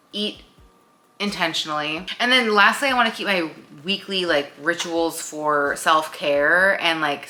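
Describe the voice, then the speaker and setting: Chatty woman in her late thirties, bright tone. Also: deep voice. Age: late 30s. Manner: chatty, rambling with many fillers. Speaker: vlogger. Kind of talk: casual chat. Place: at home.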